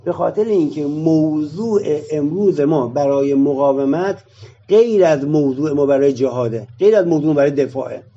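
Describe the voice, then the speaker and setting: A man's voice: fairly high pitch, mellow, lo-fi sound. A man arguing his point in a discussion session, explaining it through rhetorical questions.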